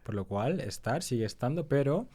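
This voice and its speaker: In a mid-range voice, a young Spanish guest recounts his story during a relaxed interview. Reliving scenes makes him lively, while reflective moments bring a slower pace.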